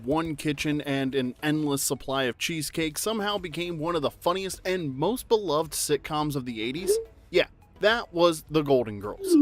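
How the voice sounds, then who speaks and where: A man narrates a pop-culture trivia video in an upbeat, jokey, conversational read. His voice sits a bit high for a man, with faint music under it. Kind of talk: scripted narration.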